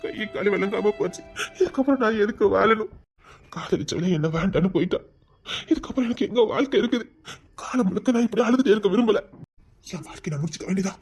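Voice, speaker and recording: A man's voice: high voice, expressive, fast talker, darkish tone, husky, faint music behind, heavily acted. A man playing a heartbroken young man who was rejected by his bride, speaking with a Tirunelveli accent in a pleading, despairing way. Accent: Tirunelveli Tamil. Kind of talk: village comedy drama acting.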